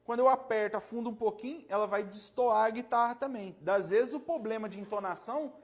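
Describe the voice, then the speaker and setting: This Brazilian luthier speaks briskly in a high voice with a Brazilian Portuguese accent, casually walking through frets in a relaxed, rambling, self-correcting way. He uses his hands to demonstrate and regularly checks the viewer is following along.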